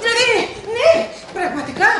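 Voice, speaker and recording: A woman's voice: extremely high pitch, big pitch swings, over a noisy crowd. A woman acting an indignant, bickering housewife in a live comic stage play. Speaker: amateur stage actor. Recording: roomy hall with audience.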